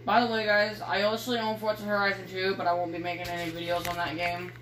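A woman's voice: medium pitch, flat delivery, fast talker. Rambling girl filming her game. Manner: rambling, teasing, swears casually. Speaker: gaming video creator. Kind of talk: casual gameplay commentary. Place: dark room at home. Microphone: phone filming a screen. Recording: echoey room with faint noise.

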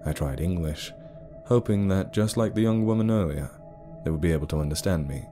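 Low-voiced male story narrator. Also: brisk, warm tone, soft background music.

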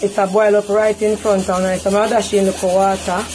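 A woman's voice: mid-range voice, little pitch movement, fairly quick, a little mellow, slight background noise, rough recording. A woman with a Jamaican accent talking viewers through a recipe as she cooks in her home kitchen, chatty and homely. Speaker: home cook. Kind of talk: casual cooking vlog.

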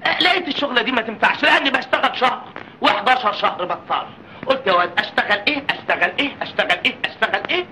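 An actor playing a cheeky, bumbling Egyptian witness in an old film comedy, rambling and wisecracking with exclamations. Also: male voice, very high-pitched, lively intonation, very fast, sharp tone, heavily acted. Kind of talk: 1940s film comedy acting. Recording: noisy old film soundtrack.

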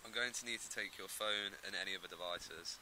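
A controlling cult retreat leader played by an actor speaks formally and firmly in a found-footage drama. His voice is very deep, on a noisy covert recording. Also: brisk, lightly acted. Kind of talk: found-footage film acting.

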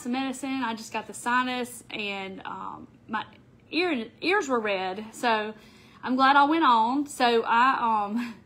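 Hosting a casual craft livestream from her indoor craft room, a middle-aged woman speaks in a high, fairly bright voice made nasal by a stuffy nose from a summer cold. She chats away and greets viewers by name as she goes, recorded by a camera on the table in front of her.

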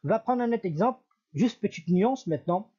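A man's voice: high-pitched, expressive, a little fast, dark tone, breathy edge, muffled recording. A man teaching an Arabic lesson, patiently repeating each example and correcting himself as he goes. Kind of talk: recorded language lesson.

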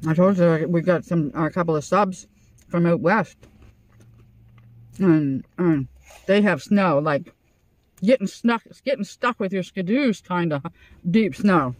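A woman's voice: on the low side, unhurried, pauses often, darkish tone, dry recording. Woman, sixties, casual mealtime chat, chewing while talking, inside a car. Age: 60s. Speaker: vlog host. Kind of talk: casual chat over a meal. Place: inside a parked car at night.

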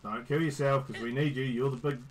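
A man's voice: medium pitch, steady tone, a little fast, rough recording. Teasing, foul-mouthed man narrating gameplay. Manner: teasing, swears at the game characters. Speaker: gaming streamer. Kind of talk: casual gameplay commentary.

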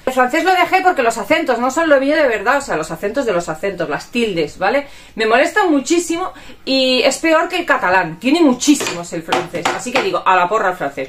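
Chatty woman with a lively, high-ish voice. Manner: chatty and rambling, with frequent tag questions. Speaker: vlogger. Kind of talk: casual chat to viewers. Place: at home.

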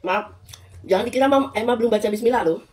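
A woman's voice: fairly high pitch, fast, a little mellow, breathy edge. A woman in her thirties from Indonesia chatting casually to her viewers as a food vlogger, recorded on a phone at home. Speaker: mukbang vlogger. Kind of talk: casual vlog chat to viewers. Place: indoors, living room at home. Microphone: phone at arm's length.

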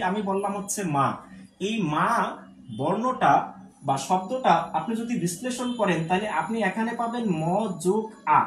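An exam-prep teacher gives a live online lesson. The teacher asks questions, answers them, repeats key points and drops English words into the talk. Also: medium pitch. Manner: mixes English words into speech. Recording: echoey room with faint background noise.

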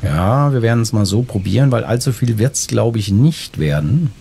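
A man's voice: on the low side, animated, moderate pace, gravelly, mellow, a little hiss or hum. A man hosting a casual let's play, thinking aloud as he plays. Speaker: gaming video host. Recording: faint game ambience behind. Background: faint game ambience.

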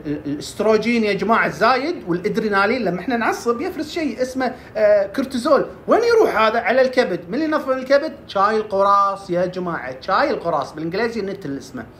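A woman talks fast through casual health advice, firing off questions and answering them herself. Her voice sits fairly high. A faint hum runs under the recording. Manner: quick, asks and answers her own questions. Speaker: herbal health presenter. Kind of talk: casual health tips talk.

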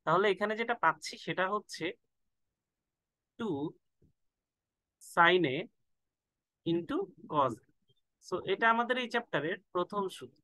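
A man's voice: sits high, expressive, unhurried, pauses often, bright, forceful tone, no echo, rough recording. A man tutoring math in a casual lesson, thinking aloud and stretching words out while he works through formulas. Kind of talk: casual lesson, mixing in English.

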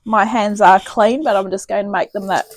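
With a steady tone, normal speed and a mid-range voice, a New Zealand woman hosts a home cooking video, and the audio has no room sound. She chats in a homely manner, thinking aloud through each step in her kitchen, captured by a camera mic positioned to the side.

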